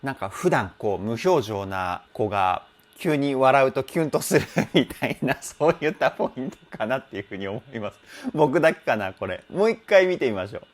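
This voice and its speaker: A man's voice: medium pitch, very animated, brisk, hardly any pauses, slight background noise. A man working as a vocal trainer, talking casually as he analyses a singer's technique, laughing often and humming bits of the melody. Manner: chatty, self-deprecating, laughs often, hums and imitates sung phrases.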